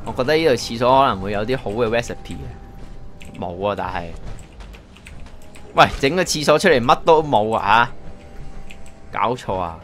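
A man's voice: medium pitch, expressive, normal speed, pauses often, fairly bright tone, soft background music. A man with a Hong Kong Cantonese accent giving a casual, chatty game walkthrough, thinking aloud as he plays. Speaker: gaming YouTuber.

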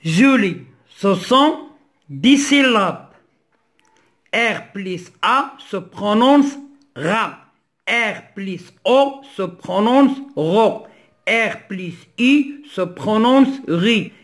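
Moroccan male teacher, high voice, very slow and deliberate, repeats each syllable for the class. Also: expressive, fairly bright tone. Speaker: primary school teacher. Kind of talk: slow French reading lesson with Moroccan Arabic explanations.

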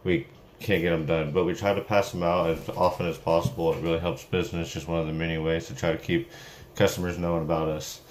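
A man's voice: low-pitched, little pitch movement, fast. A young man who runs a small junk removal business, talking casually to his phone camera with lots of fillers, partly from his car. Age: young adult. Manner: plain, upbeat, chatty with many fillers. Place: in a car, then in a small room at home. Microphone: phone camera at arm's length. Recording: noisy phone recording with vehicle sounds.

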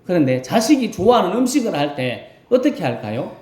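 A man's voice: sits high, a little fast. A male rural pastor preaching a Sunday sermon, asking his congregation questions as he goes. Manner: animated preaching, asks the congregation questions and acts out voices. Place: church sanctuary. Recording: roomy church echo.

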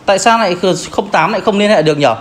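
A man talks over the phone at a quick pace in a slightly raised pitch. He sounds sceptical and questioning. The recorded call has a faint layer of noise. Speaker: customer receiving a call. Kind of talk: phone conversation.

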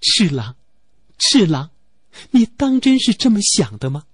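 A man's voice: fairly high pitch, sing-song, unhurried, a little mellow, breathy edge, no room sound, studio quality, voice pushed up, exaggerated voice. A man voicing a heartbroken, jealous young fairy woman in an audio novel, speaking in a pleading, bitter manner. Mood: anguished pleading.

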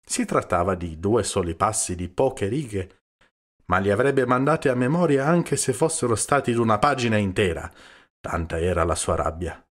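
Man, low voice, audiobook narration, steady and measured. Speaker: audiobook reader.

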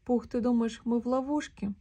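A woman voicing a timid little male piglet in a children's storybook reading, speaking in a thin, squeaky, fretful voice. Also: steady tone, moderate pace, slightly rough. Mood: timid worry. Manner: fretful, soft-spoken.

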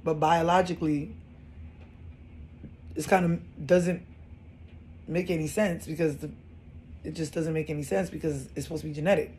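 Woman in her 30s telling her life story, lively, repeats stuff for emphasis, faint hum behind. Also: low-pitched, normal speed, long pauses. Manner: animated, repeats phrases for emphasis. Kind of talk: personal storytelling.

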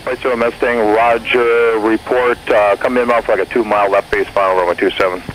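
An air traffic controller in an airport tower gives clipped, courteous instructions over aviation radio, heard from a jet cockpit. His voice is on the low side, level and brisk, with a fairly bright tone. The audio is poor, with faint radio noise.

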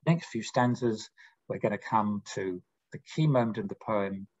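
A man giving a lecture, reading verse slowly and then explaining it with emphatic pitch jumps. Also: a little mellow, slightly rough, muffled recording. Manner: slow deliberate recitation of quoted verse.

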